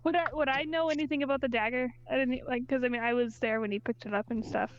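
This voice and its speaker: A woman's voice: high-pitched, fairly even intonation, quick pace, a crowd in the background. A woman talking casually as a player in a tabletop role-playing game. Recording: slightly dull audio over music. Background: music.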